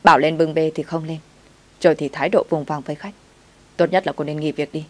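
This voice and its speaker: Scolding male restaurant boss, low-voiced, read by a woman. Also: fairly even intonation, fairly quick. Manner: barking, scolding. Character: angry middle-aged male restaurant owner.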